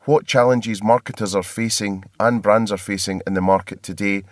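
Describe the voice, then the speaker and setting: Scottish podcast host guy, kinda low voice, chatty and joking, dry close sound. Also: steady tone, normal speed, dry recording. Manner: chatty, laughs often, self-deprecating. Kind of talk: casual podcast chat. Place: hotel.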